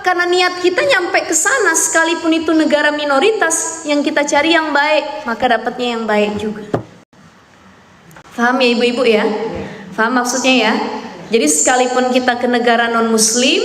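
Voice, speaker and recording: A woman's voice: high voice, fairly bright tone, a little hiss or hum. A woman giving an Islamic study lecture as a teacher, didactic, carefully enunciating key terms, repeating phrases and checking understanding. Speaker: religious teacher. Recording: echoey hall with long reverb.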